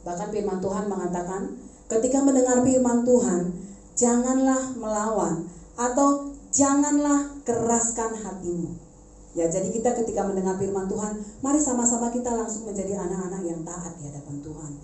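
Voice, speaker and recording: A woman preaching a sermon in a conversational, animated way, turning to the congregation with asides. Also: medium pitch, moderate pace. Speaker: preacher, schoolteacher. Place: church service. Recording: echoey church hall.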